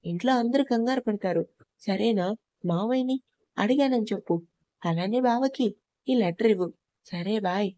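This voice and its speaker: A woman's voice: on the high side, moderate pace, pauses often, mellow, dry recording, close to an everyday voice. A woman voicing a friendly young woman in a hurry, in a storybook reading. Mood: hurried.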